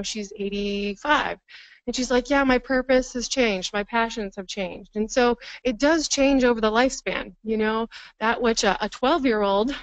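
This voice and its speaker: A woman's voice: a little high, clear, resonant tone, dry recording, muffled recording. Reflective woman leading a counseling workshop. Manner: warm, reflective, laughs often, thinks aloud. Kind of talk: live workshop teaching. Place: training room with live audience.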